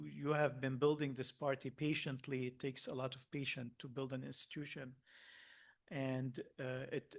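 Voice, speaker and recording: A man originally from Lebanon speaks at a workshop in a medium-pitched voice. He comes across as earnest but hesitant, pausing often and restarting his sentences.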